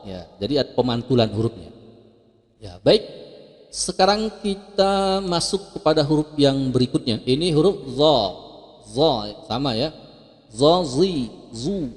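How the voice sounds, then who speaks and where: A man's voice: medium pitch, lively intonation, unhurried, in a large hall. A man teaching Quran recitation, explaining patiently and leading melodic chanted syllable drills.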